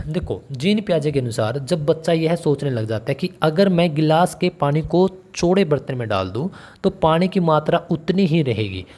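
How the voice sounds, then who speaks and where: A man's voice: on the high side, expressive, moderate pace, a little mellow. A man teaching an online exam-prep lesson in a casual, conversational way, often calling the viewer brother and putting questions to them. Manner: conversational, calls the listener brother and asks questions.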